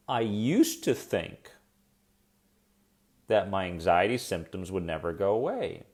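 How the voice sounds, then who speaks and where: A man hosts a live coaching stream about anxiety, chatty and encouraging in a soothing voice of medium pitch that is a little mellow. He speaks straight to his viewers and reacts to their comments.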